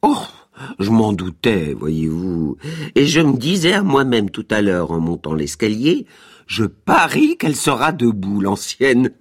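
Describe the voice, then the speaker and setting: A man voicing a jovial middle-aged doctor who talks in a hearty, booming, bantering way. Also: wildly swooping pitch, unhurried, heavily acted.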